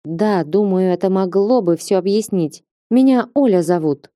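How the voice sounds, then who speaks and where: A woman reading an audiobook and voicing the heroine, a calm, polite woman who speaks with composure. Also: medium pitch, moderate pace, dry recording, clean studio sound, close to an everyday voice.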